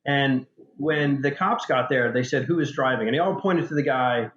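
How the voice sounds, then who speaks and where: A man's voice: medium pitch, normal speed. Man as interview guest, frank and darkly funny, roomy and slightly muffled audio. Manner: candid, dark-humored storyteller with many restarts. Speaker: author and paramedic guest. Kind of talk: storytelling in a podcast interview.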